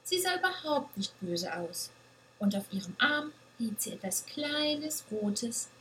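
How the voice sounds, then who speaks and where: A woman reads a children's story aloud at an unhurried pace, gently and expressively. Her voice sits a little high, with a faint hiss behind it. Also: lively intonation, poor audio.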